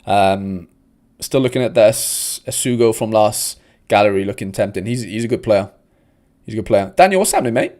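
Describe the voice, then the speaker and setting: A man's voice: lowish voice, steady tone, moderate pace, a little mellow. A young man from South Wales with a South Welsh accent, hosting a casual livestream and chatting with viewers in a laid-back way. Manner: chatty, laid-back, uses "mate" often. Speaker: host.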